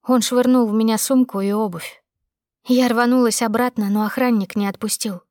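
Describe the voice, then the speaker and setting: A woman's voice: a little high, fairly even intonation, normal speed, a little mellow, no echo, clean studio sound. Woman narrating a tense audiobook. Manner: tense, emotional storytelling. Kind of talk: first-person dramatic audiobook narration.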